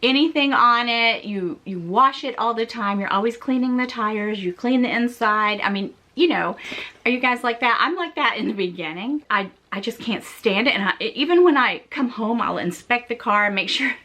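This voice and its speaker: A middle-aged woman talking straight to her viewers with a bright, forward tone that sits a little high. She tells her story casually and with a lot of life, laughing and exclaiming along the way. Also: moderate pace. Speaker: fashion vlogger.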